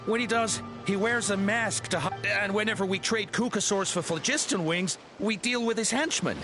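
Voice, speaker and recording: In a lightly acted performance, a man with a high voice plays a cowardly, jittery henchman in a video game, speaking at a moderate pace. He hesitates and stammers while trying to appease, sounding nervous and deferential. Game music plays behind him.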